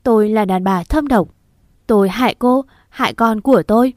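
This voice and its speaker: A woman's voice: a little high, moderate pace, a little mellow, dry recording, clean studio sound, close to an everyday voice. A woman voicing a distraught, begging young woman. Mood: pleading. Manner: tearful, begging, voice choked. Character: distraught young woman, pleading and guilt-ridden.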